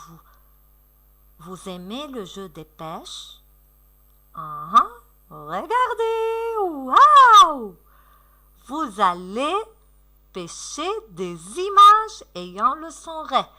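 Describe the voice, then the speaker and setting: A woman teacher recording a lesson for young children, slow, sing-song and encouraging, stretching out her words. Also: fairly high pitch, sharp tone.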